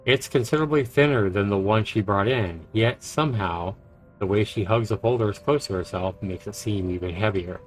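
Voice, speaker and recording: A game streamer with a lowish voice reads visual novel narration aloud at a moderate pace and reacts to it, with game music playing behind him.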